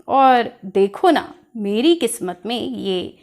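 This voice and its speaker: A bumbling young man full of puzzled, stumbling questions, put on by a woman. The voice sits high and swoops up and down. Every word is drawn out very slowly, with a playful whine. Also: lively intonation, a little mellow, full character voice. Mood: puzzled, pleading. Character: bumbling young man, cheerful, weak at Hindi.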